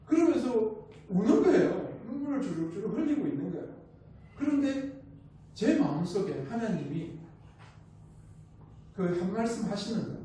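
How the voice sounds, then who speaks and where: A man's voice: high voice, big pitch swings, normal speed, pauses often, mellow, slight background noise. A man from the Gyeongsang region with a Gyeongsang accent, a missionary preaching a sermon and telling his story with rhetorical questions and acted-out quotes. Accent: Gyeongsang Korean. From Gyeongsang region, South Korea. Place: church sanctuary. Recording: echoey church hall, mic at a distance.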